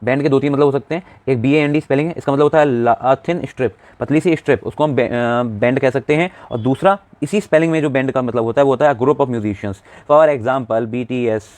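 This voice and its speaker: A young man teaching an English vocabulary lesson at a brisk clip. He often puts a question to his viewers and then answers it himself. The sound is dry and close, with no room around his voice. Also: medium pitch, darkish tone, no room sound. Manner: explains, then asks the class questions and answers them himself; often says "theek hai" to check in with the viewer. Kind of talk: classroom lesson explaining vocabulary.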